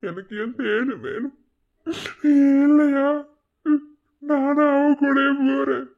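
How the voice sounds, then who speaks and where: A man's voice: high voice, moderate pace, breathy edge, phone-quality sound. A man voicing a heartbroken young husband in a cartoon, sobbing and pleading in a Madurai Tamil accent. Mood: grief-stricken. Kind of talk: cartoon voice acting.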